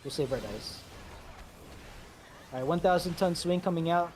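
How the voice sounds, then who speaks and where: A man leading a game raid, calling out instructions briskly, repeating commands and slipping in joking asides. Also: on the high side, lively intonation, a little mellow, a little hiss or hum. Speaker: raid leader. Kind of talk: calling instructions over voice chat while gaming.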